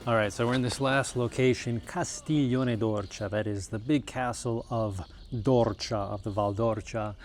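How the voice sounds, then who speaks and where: A man's voice: medium pitch, steady tone, normal speed, few pauses, slight background noise. A man vlogging casually outdoors in the hills, talking enthusiastically like a tour guide with some fillers. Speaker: travel and real estate vlogger. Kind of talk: casual travel vlog narration. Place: outdoors in hilly countryside.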